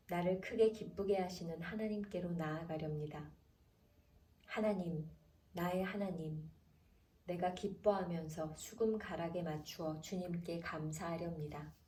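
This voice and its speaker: Mellow low woman reading scripture. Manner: calm, measured reading with slowed headings. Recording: roomy echo, distant from mic, faint background noise.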